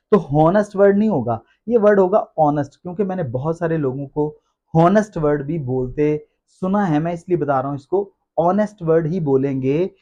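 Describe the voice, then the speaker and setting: A male teacher gives a pronunciation lesson in a classroom manner. He goes over each rule step by step and repeats words and examples so they sink in. His voice sits somewhat higher than most men's. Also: dark tone, lo-fi sound. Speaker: English teacher.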